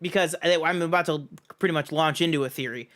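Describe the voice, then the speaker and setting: A man's voice: on the high side, fast, a bit bright. A man co-hosting a casual film review podcast, laying out his theories with lots of ums and you-knows. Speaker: podcast co-host.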